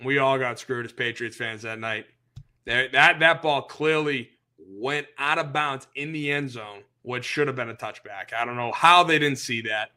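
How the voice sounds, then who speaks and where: A man hosting a sports podcast, ranting as an opinionated fan in a casual, animated way. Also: medium pitch, normal speed, smooth.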